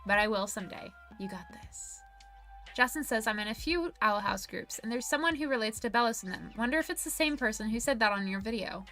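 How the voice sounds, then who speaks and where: A woman's voice: a little high, lively intonation, quick pace, hardly any pauses, a bit bright, faint music behind. A woman streamer in casual livestream chat, reading viewer messages aloud in a chatty, giggly way.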